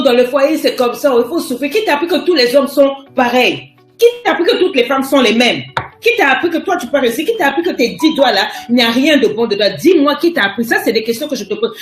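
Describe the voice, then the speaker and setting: A woman life coach on a motivational live stream, talking emphatically and hammering the listener with repeated rhetorical questions. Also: sits high. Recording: roomy echo with faint music.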